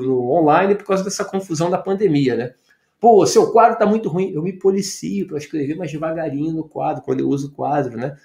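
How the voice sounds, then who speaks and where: A man with a fairly high voice lectures on tax policy in a loose, conversational way. He talks emphatically, stacks up rhetorical questions and leans on plenty of fillers. The echo of the room he recorded himself in is clearly audible. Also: dark tone. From Brazil. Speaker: tax professor commenting on news. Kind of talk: informal video commentary. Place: home office.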